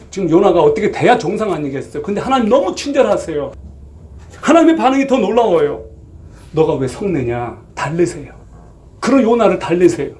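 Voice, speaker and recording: A man's voice: sits high, a little mellow. A male pastor preaching a sermon, often turning to the congregation with rhetorical questions.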